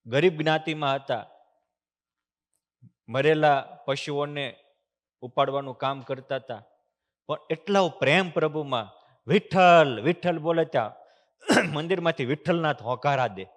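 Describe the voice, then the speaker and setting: A man giving a temple sermon. He tells devotional stories, chants verses, and moves between loud emphasis and soft hushed passages. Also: fairly high pitch, measured pace, pauses often. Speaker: swami giving a discourse. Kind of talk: sermon with storytelling. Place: temple hall.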